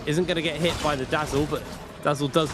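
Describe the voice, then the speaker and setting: A man's voice: fairly high pitch, fairly even intonation, fast talker, over music. A man giving live esports commentary in a conversational, rambling play-by-play style. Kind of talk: live gaming commentary with casual chat.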